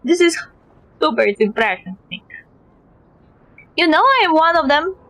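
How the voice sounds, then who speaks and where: A woman's voice: high-pitched, big pitch swings, a little slow, fairly bright tone, no room sound, poor audio. A woman livestreaming a video game, casually and sardonically talking back to the characters and swearing freely. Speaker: streamer reacting to a video game.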